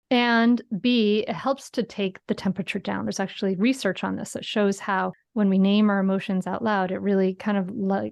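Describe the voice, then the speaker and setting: A woman's voice: medium pitch, gravelly, a little mellow, no room sound. Earnest woman talking parenting, dry sound. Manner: earnest, explanatory, often adds a tag question. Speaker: parenting guest. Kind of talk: casual interview chat.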